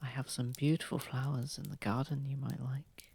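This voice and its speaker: Courtly vampire of the manor an actor's role: breathy, gravelly, gentle and unhurried, intimate ASMR delivery. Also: mid-range voice, level tone, no echo. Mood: soothing, warm. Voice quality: breathy, husky, slightly creaky. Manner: soft-spoken, soothing, unhurried, slightly formal. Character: posh, gentle, protective vampire lord of a manor. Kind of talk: ASMR roleplay, soft intimate acting. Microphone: close microphone, dry.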